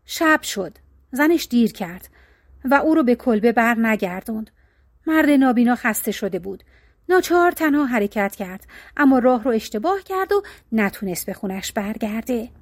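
A woman narrating a folk tale with an expressive storybook cadence. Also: on the high side, no echo, studio quality.

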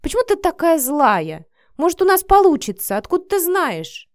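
A woman's voice: a little high, animated, normal speed, darkish tone, no echo, studio quality, natural voice. A woman reading an audiobook voices a shy, easily embarrassed young woman who pleads and snaps back. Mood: snapping. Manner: hissing, pleading, easily flustered.

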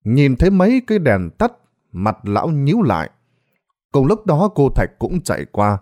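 A man narrates a ghost story with dramatic delivery. His pitch swings widely across lines. His voice sits in a middle register. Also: wildly swooping pitch, normal speed, darkish tone. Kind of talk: scripted narration.

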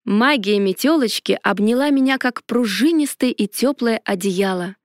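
High-voiced woman narrating an audiobook. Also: normal speed, no room sound, studio quality. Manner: lively, expressive storytelling. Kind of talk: first-person audiobook narration.

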